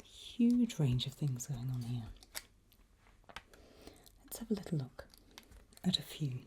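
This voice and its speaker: A woman takes on an examiner role for ASMR, whispering slowly in a rumbling low, husky, breathy voice with a sing-song quality. She is gently reassuring and encouraging, and slight background noise can be heard.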